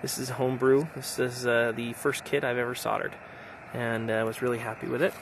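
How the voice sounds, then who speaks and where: A middle-aged American ham operator, vlogging out in hilly backcountry, delivers a casual and enthusiastic recap. His mid-range voice stays level in tone and runs a little fast, with outdoor noise behind it.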